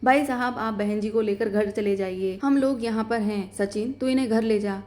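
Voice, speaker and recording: A woman's voice: medium pitch, normal speed, a little mellow, natural voice. A woman voicing a composed, practical older father who is a doctor, in a story reading.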